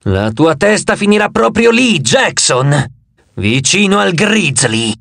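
A man's voice: high-pitched, very animated, takes it slowly, vocal fry, no room sound, exaggerated voice. A man doing a brutal mocking giant. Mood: menacing. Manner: taunting, shouting threats. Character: three-bodied giant rancher, brutal and mocking.

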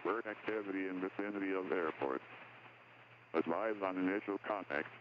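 A man reading a recorded airport weather broadcast in an even, measured recitation, heard over aircraft radio. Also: low voice. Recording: tinny radio with faint hiss.

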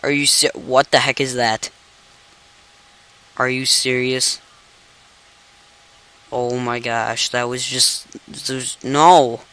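A man's voice: medium pitch, little pitch movement, slow pace, pauses often, bright, forceful tone, clean tone, rough recording. Young man reacting with exasperated game commentary. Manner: incredulous, exclaiming "no" over and over. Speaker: gaming channel host. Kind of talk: let's play commentary.

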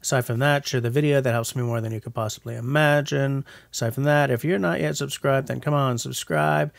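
Brisk and creaky, a mid-range voice with fairly even intonation narrates a casual vlog voice-over. The speaker is a bushcraft vlogger in his forties with a jokey, self-mocking style, recorded on a voice-over mic and not outdoors.

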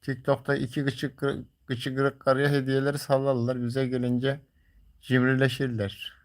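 A man's voice: medium pitch, monotone, moderate pace. A man livestreaming, talking casually and colloquially to viewers in a grumbling, teasing way. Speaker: live streamer.

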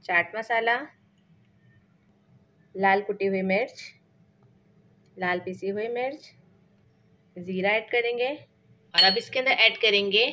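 This cooking-channel host has a mid-range voice with a sharp edge, and the audio sounds dull. Speaking with a Pakistani Urdu accent, she walks through a home recipe in her kitchen in a casual, chatty way, filling gaps with frequent filler phrases.

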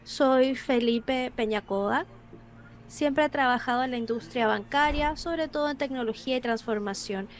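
High-voiced woman interpreting a panel. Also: a little hiss or hum. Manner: brisk, with small word restarts and self-corrections. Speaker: voice-over interpreter for an online panel. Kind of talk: live interpretation voice-over.

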